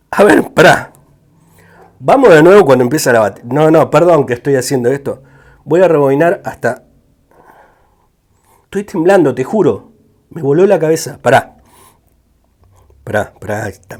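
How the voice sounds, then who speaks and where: A man with an Argentine accent giving music reaction commentary, excitable and repeating words in quick bursts. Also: medium pitch. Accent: Argentine Spanish.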